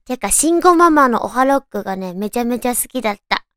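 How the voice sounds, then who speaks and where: A woman chats casually to her radio listeners in a high, cute anime-girl voice. It is very smooth and clean, recorded dry and close, and she muses aloud as she goes. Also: expressive, brisk, fairly bright tone, no room sound. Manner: chatty, musing aloud to listeners. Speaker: radio show host. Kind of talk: casual solo radio chat.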